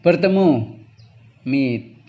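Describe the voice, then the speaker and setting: With phone-quality sound, a man of medium pitch teaches a class English pronunciation in an expressive voice. His patient, slow explanations switch between two languages and are often interrupted by chuckles.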